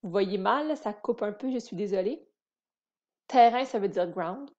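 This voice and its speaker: A woman giving a slow, patient grammar lesson, repeating and spelling out words for beginners. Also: medium pitch, animated, darkish tone, highs cut off. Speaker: French teacher.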